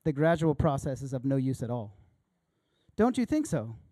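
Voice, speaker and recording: A man's voice: mid-range voice, big pitch swings, moderate pace, dark tone, no echo, studio quality. A man reading as a stern fiery spirit. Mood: insistent. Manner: firm, repetitive, commanding. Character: stern fiery male spirit, insistent and blunt. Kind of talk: reading a story aloud in a sermon.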